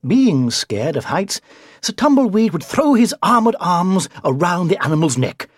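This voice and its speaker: A storybook narrator with a husky, breathy voice that swings widely up and down as the tale unfolds. The reading is expressive and sometimes sinks to a whisper for effect. The sound is dry and close. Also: medium pitch, measured pace, no echo.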